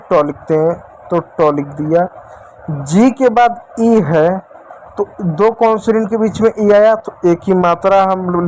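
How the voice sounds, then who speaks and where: A man's voice: sits high, darkish tone, a little hiss or hum, low-quality recording. A man teaching English spelling and phonics in Hindi, asking questions and answering them himself, repeating each step and calling his viewers dear children.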